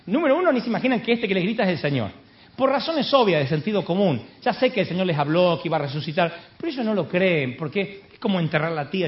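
A man with an Argentine accent preaching a humorous sermon, telling the story with comic asides. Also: a little high. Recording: dull live recording, faint crowd.

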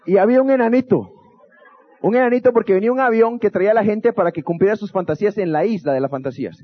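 A man's voice: high voice, quick pace, muffled recording. A man from Guatemala, speaking as a youth pastor to an audience, telling stories with humor and acting out quotes. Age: adult, married. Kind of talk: motivational talk to an audience.

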